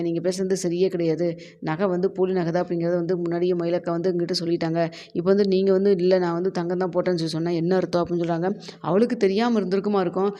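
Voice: medium pitch, dark tone, dull audio. A narrator retelling a drama's plot in casual speech, voicing each character's lines in the same plain voice and leaning on many fillers. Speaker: serial recap narrator. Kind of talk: fast casual storytelling recap.

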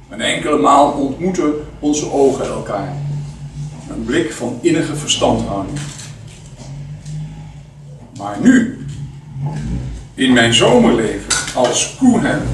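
A man reading a first-person memoir aloud in a deliberate storytelling manner, now and then adding loose spoken asides. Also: on the high side. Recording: echoey, distant mic, faint noise.

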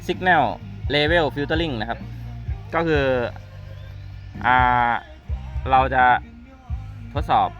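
Speaking very slowly with long pauses, a man with a slightly high, fairly bright voice walks through network testers as a product trainer, repeating words while he explains. The informal demo sounds muffled and lo-fi, with music playing underneath.

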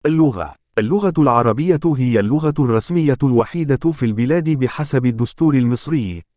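A man giving scripted documentary narration, reading facts and figures in a steady, even way. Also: mid-range voice, fast.

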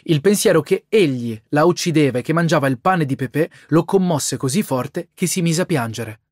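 A man's voice: on the high side, lively intonation, normal speed, no echo. Man narrating an audiobook, dry sound. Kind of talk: scripted narration.

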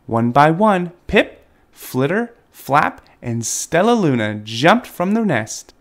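A man reading a children's picture book aloud in a gentle, expressive storytelling manner. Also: fairly high pitch, slow pace. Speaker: storybook reader, dad.

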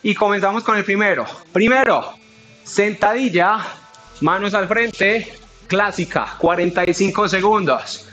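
A man's voice: sits high, measured pace, bright, forceful tone, lo-fi sound, faint music behind. A man with a Colombian accent coaching a home workout, pushing hard and counting down the reps with energy. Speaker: fitness trainer.

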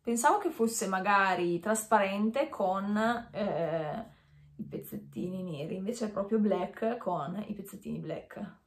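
A woman's voice: mid-range voice, a little slow. A woman in her thirties chatting casually to camera while wearing a dental retainer, hesitant and correcting herself as she goes. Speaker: beauty vlogger. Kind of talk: casual chat unboxing to camera. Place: small indoor room with bare walls. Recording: echoey small room.

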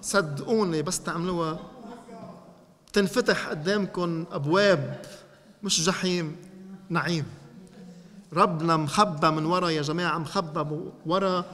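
A man preaching in a Lebanese Arabic accent, teaching a congregation and speaking to them directly with animated energy. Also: a little high, long reverb tail. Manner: animated, addresses listeners directly.

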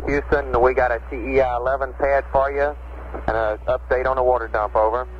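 A man speaks as a mission control communicator over a 1960s space radio link. His voice is band-limited and keeps to a fairly level pitch, with clear music underneath. He talks in procedural radio calls. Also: level tone, brisk, lo-fi sound. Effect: space radio transmission. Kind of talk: radio call-and-response procedure talk.

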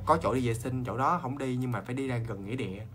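A man with a Southern Vietnamese accent, hosting a ghost story show in a chatty, animated way and talking straight to his viewers. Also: mid-range voice. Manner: animated, talks straight to viewers, quick asides and laughs.

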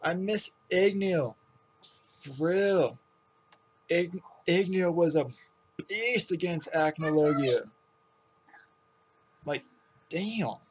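A man's voice: a little high, very slow, pauses often. A man, chatting casually and slangily to camera as a laid-back reaction video host in a bedroom. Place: small bedroom indoors. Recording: noisy room webcam recording.

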